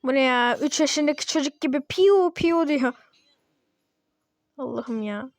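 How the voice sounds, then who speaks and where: A woman casually commenting on her own gameplay, chatty and excitable, grumbling and yawning as she plays. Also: high-pitched, a little slow, dry recording. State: yawning, sleepy. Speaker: gaming video host.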